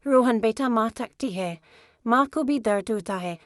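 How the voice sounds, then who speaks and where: A woman's voice: a little high, a little slow, dry recording, clean studio sound, lightly acted. A woman voicing a weary housewife finally speaking up. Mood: pleading. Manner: pleading, emotional, earnest. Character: tired long-suffering housewife, finally speaking up. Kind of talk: animated storytelling.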